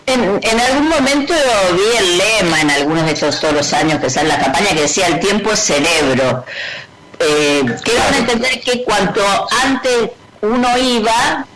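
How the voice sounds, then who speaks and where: A woman's voice: medium pitch, expressive, moderate pace, echoey room, a loud crowd, low-quality recording. Argentine woman radio host asking questions. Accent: Argentine Rioplatense. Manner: asks practical follow-up questions.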